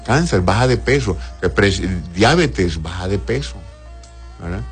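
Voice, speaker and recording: Man, doctor, low voice; reads listener questions and gives plain advice, with faint music under him. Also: lively intonation, measured pace. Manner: plain advisory tone, tags "¿verdad?". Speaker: doctor answering viewer questions. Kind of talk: reading and answering questions.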